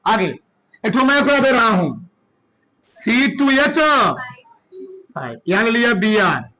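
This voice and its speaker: A man teaching a class, firing short questions at his students one after another. His voice sits very high and rings bright and forceful. He drills the class in a lively, commanding way. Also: poor audio. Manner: quizzing students with rapid questions. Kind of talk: classroom chemistry lesson.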